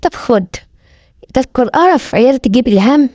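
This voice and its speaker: A woman with an Egyptian accent gives animals funny voices, her tone high and her talk quick and playful. Her voice sits on the mellow side, recorded dry and close. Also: lively intonation, no echo, highs cut off. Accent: Egyptian Arabic. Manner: playful, bantering. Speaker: comic voice-over dubber. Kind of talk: comic animal voice-over.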